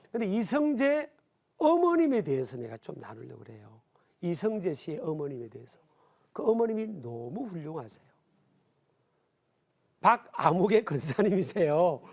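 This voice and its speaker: A man's voice: sits high, darkish tone. A middle-aged man from the Gyeongsang region, a pastor teaching a televised Bible lesson, who asks his audience questions and answers them himself. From Gyeongsang region, South Korea.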